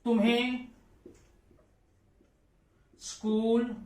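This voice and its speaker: A man teaching English grammar in a classroom style, slowly drilling example sentences and quizzing his students with rhetorical questions. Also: very high-pitched, little pitch movement. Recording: roomy echo, mic set far off.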